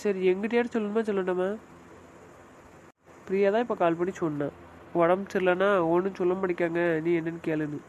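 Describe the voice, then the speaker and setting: A man's voice: sits high, steady tone, a little fast, pauses often, darkish tone, muffled recording, a little hiss or hum, lightly acted. A man voicing a protective brother-in-law who scolds and prods with concern in an audio drama. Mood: concerned, scolding. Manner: scolding, prodding, emphatic.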